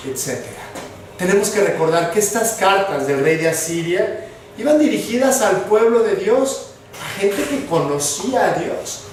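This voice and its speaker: Earnest male pastor, sermon delivery, higher voice, distant mic in a reverberant church with faint ambience. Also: slight background noise. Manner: earnest, direct, addresses listeners as you. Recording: echoey hall, voice from far off.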